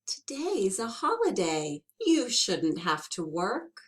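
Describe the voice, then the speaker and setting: A woman's voice: medium pitch, wildly swooping pitch, slow. Woman doing a cocky young farm lad. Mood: sweet-talking. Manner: eager and boastful.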